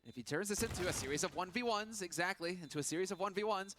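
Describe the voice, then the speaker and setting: A man's voice: high-pitched, quick pace, background noise. A man working as an esports caster, giving urgent, running play-by-play commentary on a live match. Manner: running, urgent narration of the action.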